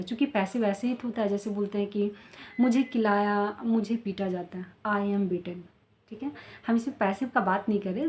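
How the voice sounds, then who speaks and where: A woman teaching an English grammar lesson, speaking slowly and repeating each example sentence with care, asking questions and answering them herself. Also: mid-range voice, warm tone. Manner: slow, deliberate repetition of example sentences. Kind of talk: grammar lesson explained in Hindi.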